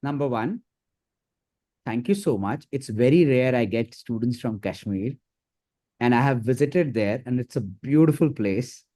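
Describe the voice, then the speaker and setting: A man with an Indian accent giving live career advice as a counsellor, in a brisk, instructive and emphatic manner. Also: medium pitch, animated, dark tone. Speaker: career counsellor hosting a session. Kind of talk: live advisory session.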